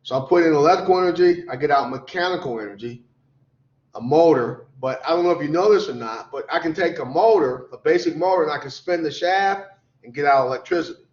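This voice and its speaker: A tired, sleepy man teaching a lecture class, repeating definitions slowly so students can write them down. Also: fairly high pitch. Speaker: college instructor. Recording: echoey classroom, dull lo-fi sound.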